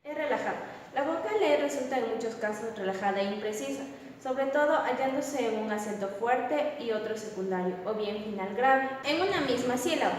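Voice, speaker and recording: A woman's voice: fairly high pitch, animated, moderate pace, slight background noise. A woman reading a pronunciation lesson aloud, working steadily through rules and examples. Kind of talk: read lesson narration. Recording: echoey hall, voice from a distance.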